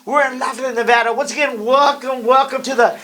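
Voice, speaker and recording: A man's voice: very high voice, fairly even intonation, brisk, sharp tone, faint music behind. A man in his fifties hosting a podcast with casual comic storytelling, profane and rambling, mixing in Spanish slang. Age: 50s. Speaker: podcast host.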